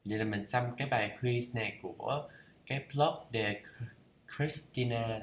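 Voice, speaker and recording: A Vietnamese man talking through English idioms in a casual study vlog. He thinks aloud and reads English phrases slowly to check how they are pronounced. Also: mid-range voice, reverberant. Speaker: learner reading a course aloud.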